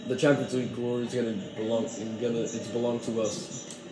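A man joking and chatting excitedly while he plays a football video game. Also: medium pitch, brisk. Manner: jokey, excitable, rambling asides. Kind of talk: casual gameplay commentary. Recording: echoey room.

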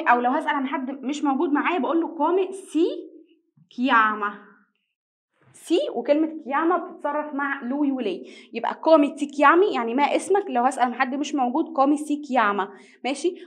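A young woman with an Egyptian accent teaches an online language lesson. Her voice sits high and she talks fast. She often poses a question to the class and then answers it herself. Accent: Egyptian Arabic. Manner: repeats each word twice slowly for students.

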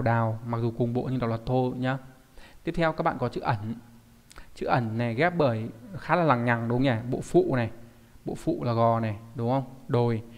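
A man's voice: mid-range voice, darkish tone, big-room sound. A man teaching a recorded online kanji lesson, explaining step by step and often asking rhetorical check-in questions. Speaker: Japanese teacher.

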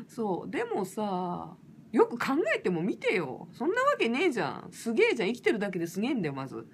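A woman singer from Fukushima chatting casually and roughly on a late-night livestream, laughing often. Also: medium pitch, fast talker, a little hiss or hum. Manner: lively, rough casual speech with frequent laughs.

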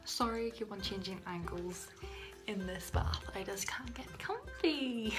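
This young adult vlogger from Northern Ireland has an expressive, mid-range voice and talks a little slowly over music. She chats casually to a phone camera held at arm's length in a small tiled bathroom indoors, giggling and slipping into whispers.

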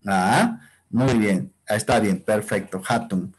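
A man teaches Quechua in an online class. He speaks slowly, with a husky voice. He keeps asking his students if they follow. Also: fairly low pitch. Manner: explanatory, asks frequent tag questions.

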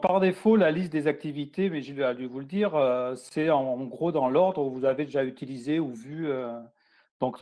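A man's voice: medium pitch, mellow. A man giving a screen-share tutorial to teachers, explaining plainly with frequent fillers. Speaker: teacher trainer.

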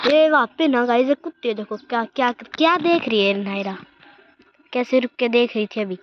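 A woman's voice: on the high side, normal speed, highs cut off, a little hiss or hum. A woman vlogging casually outdoors with her phone, chatty and always telling viewers to look. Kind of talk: casual walking vlog. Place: outdoors in a village around home. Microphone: phone held while walking.

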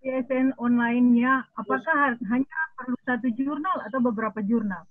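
A woman's voice: fairly high pitch, fairly quick, no echo. A woman speaks on a video call, her voice breaking up and dropping out over a bad connection. The sound is thin and phone-like, with no room around it. She asks her questions hesitantly, restarting as she goes. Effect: voice breaking up over a bad online connection. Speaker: webinar participant asking questions. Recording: tinny phone-like line, cutting out.

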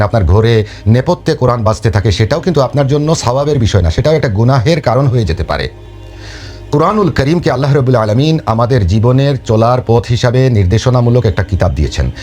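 A man's voice: mid-range voice, darkish tone. A man from Bangladesh with a Sylheti Bengali accent, giving an earnest religious talk and quoting Arabic verses. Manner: earnest, lecturing, quotes Arabic verses in recitation. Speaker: spiritual healer and preacher.

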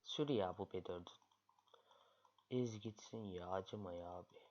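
A man's voice: low voice, a little slow. A man commentating his own online chess games, grumbling and muttering in frustration at his opponent. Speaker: chess streamer. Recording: lo-fi, loud background noise.

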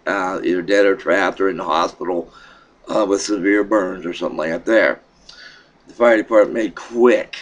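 A low-voiced, middle-aged vlogger from Pennsylvania with a froggy throat gives a casual vlog update from a small room at home, recorded on a desk webcam. He rambles and halts, with many fillers and restarts.

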